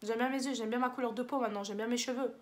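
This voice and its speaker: A young woman chats to camera with a French accent, rambling through slangy advice and teasing herself along the way. Her voice sits a little high and the words tumble out fast. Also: steady tone. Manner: rambling, slangy, self-mocking. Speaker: vlogger. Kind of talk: casual advice vlog.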